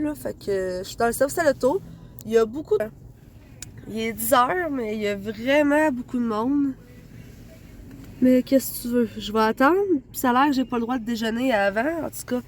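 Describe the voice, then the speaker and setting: This vlogger is a young Quebec French-accented woman whose somewhat high voice comes with a little hiss or hum in the audio. Congested from a cold, she talks casually into her phone camera, rambling and chatty, with plenty of fillers.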